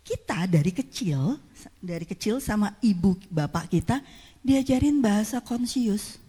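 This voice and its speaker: A woman giving a conference talk, lively, quizzing the audience and mixing in English phrases. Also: medium pitch, slightly rough. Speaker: keynote speaker. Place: conference hall. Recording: reverberant conference hall.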